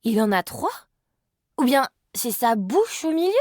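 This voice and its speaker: A woman voices lines for a cheeky young immortal agent in a video game, playful, teasing, and sarcastic with slangy delivery. Her slightly high voice is sing-song and darkish, at a measured pace, in clean studio sound with no room noise.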